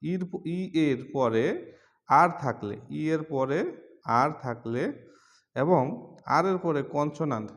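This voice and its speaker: A man with a Bangladeshi accent teaching an English pronunciation lesson, repeating example words slowly. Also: mid-range voice. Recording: long hall reverb.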